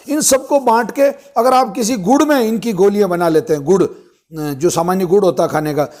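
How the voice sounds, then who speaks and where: High-voiced man giving a health talk. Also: a little mellow. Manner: explains step by step with many pauses and fillers. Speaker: Ayurvedic health presenter. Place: ashram.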